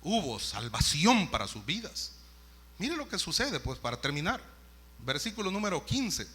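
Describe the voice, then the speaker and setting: Male preacher, husky voice, bright tone, animated storytelling. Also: fairly high pitch, moderate pace. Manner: storytelling, animated, acts out scenes. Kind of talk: sermon.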